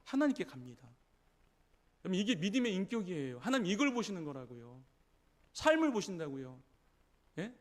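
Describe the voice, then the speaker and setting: A male pastor with a high-pitched voice preaches a Sunday morning sermon in his church. He retells scripture stories in a lively way, slipping into the voices of the people he quotes and often turning to the congregation with a quick "예?" to check they are following. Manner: storytelling preacher acting out quoted voices, frequent "예?". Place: church sanctuary.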